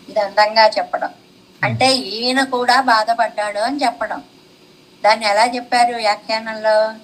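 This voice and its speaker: Woman teacher doing a religious discourse, kinda high voice, recites verses then explains, asks and answers her own questions. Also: fairly bright tone, a little hiss or hum, poor audio. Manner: recites classical verses and commentary in a chanting cadence. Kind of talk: devotional discourse explaining scripture commentary.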